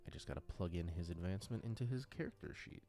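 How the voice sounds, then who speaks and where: Soft background music plays as a man with a low, dark voice talks quickly with lively intonation. He is the creator and game master of a tabletop RPG audio drama, offering casual, unscripted commentary as he goes through character sheets and occasionally murmuring small nonsense sounds.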